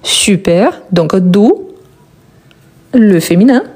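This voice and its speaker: Woman, French teacher, live online lesson, slow and patient, husky, mellow. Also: mid-range voice, expressive. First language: Portuguese. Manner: patient, repeats words slowly and praises answers.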